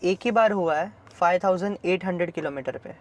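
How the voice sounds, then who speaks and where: A man who owns the car, answering questions in a measured way and dropping in English words. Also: sits high. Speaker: car owner, guest. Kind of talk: casual interview answers. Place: driving a car.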